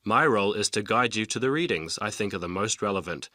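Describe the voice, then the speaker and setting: A man's voice: lowish voice, lively intonation, quick pace, pushed and bright, no echo, clean studio sound. A man playing a patient university professor who explains things in a stilted, scripted textbook dialogue. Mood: patient, helpful.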